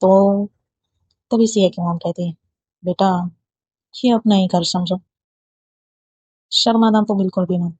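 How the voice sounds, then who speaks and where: Reading all the parts of a love story in her own unadorned voice, this woman speaks with a fairly low pitch, warmth and a breathy edge. The lo-fi recording is dull and dry, with no room sound.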